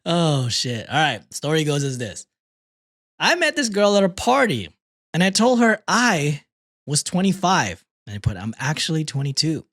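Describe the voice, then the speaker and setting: A man's voice: on the high side, wildly swooping pitch, normal speed, fairly bright tone. Laid-back man reading stories aloud. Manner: laid-back, laughing, slangy. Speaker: podcast host reading stories. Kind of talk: casual chat, reading posts aloud.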